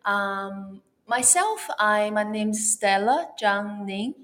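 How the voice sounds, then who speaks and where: In a casual interview, this guest from China speaks English as a second language with a Chinese accent, often pausing to find her words. Her mid-range voice is expressive and fairly bright.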